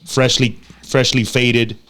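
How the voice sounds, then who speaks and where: A man's voice: flat delivery, slow, a bit bright. A man hosting a casual podcast, talking slangy with Spanish words mixed in. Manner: slangy, mixes Spanish words, coos at the dog in a high voice. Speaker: podcast host.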